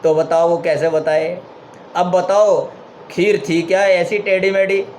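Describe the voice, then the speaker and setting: A man giving a spiritual talk, retelling a parable step by step and stopping to ask his listeners questions. His voice sits a little high for a man. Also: level tone, a little slow, darkish tone, slight background noise. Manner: explains by retelling and rhetorical questions. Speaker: spiritual speaker.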